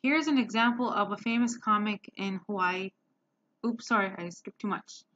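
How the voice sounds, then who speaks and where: A woman giving a class presentation on slides, hesitant and filling pauses with many ums. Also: mid-range voice, pushed and bright. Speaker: student presenter. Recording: dull lo-fi sound.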